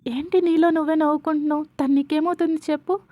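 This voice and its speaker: A woman's voice: sits high, fairly even intonation, quick pace, dry recording, narrow, tinny audio, pitched above the performer's own voice, close to an everyday voice. A woman voicing a teasing young man. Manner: playful teasing.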